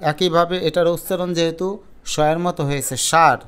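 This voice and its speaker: A male teacher explaining pronunciation rules step by step in an exam-prep lesson, slowly sounding out syllables to his students. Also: fairly high pitch, fairly even intonation, fairly bright tone, clean tone.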